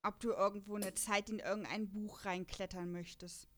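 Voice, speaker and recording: A chatty, enthusiastic woman co-hosts a podcast, talking casually about an audio drama and often breaking into laughter. Her mid-range voice has a flat delivery at normal speed.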